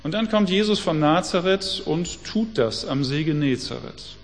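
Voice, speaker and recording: A man preaching a sermon, reading scripture aloud slowly and deliberately between his own explanations. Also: on the high side, expressive, in a large hall. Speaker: pastor.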